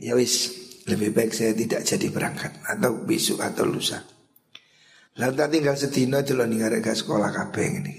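A middle-aged man with a Javanese accent giving an informal religious lecture, talking conversationally and often clearing his throat. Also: medium pitch, echoey room. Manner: conversational, mixes in regional phrases, frequent throat clearing. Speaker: Islamic preacher teaching a kitab study class.

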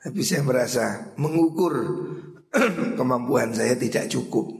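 A middle-aged man with a Javanese accent giving an informal religious lecture, talking conversationally and often clearing his throat. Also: mid-range voice, animated, unhurried, echoey room. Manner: conversational, mixes in regional phrases, frequent throat clearing. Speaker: Islamic preacher teaching a kitab study class.

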